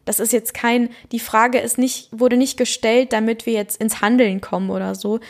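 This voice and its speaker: A young woman speaking calmly and earnestly in a reflective self-help monologue, thinking aloud with pauses. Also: fairly high pitch.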